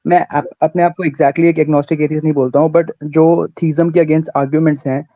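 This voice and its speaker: A man's voice: a little high, level tone, fairly quick, dry recording. A male caller from India, heard over a call line, who argues earnestly and halts as he searches for words. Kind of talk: call-in debate question. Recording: dull lo-fi call audio, dry.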